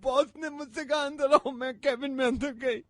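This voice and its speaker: A woman's voice: high voice, steady tone, moderate pace, no room sound, natural voice. A woman on a prank call playing a tearful young woman who whines about her boss and repeats herself. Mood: whiny. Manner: whiny, sobbing, repeats herself. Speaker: prank caller.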